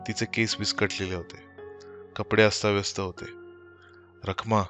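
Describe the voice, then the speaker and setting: A low-pitched male voice reads a horror story in slow, measured sentences. Faint music plays under the narration. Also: steady tone, fairly bright tone. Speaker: audiobook narrator.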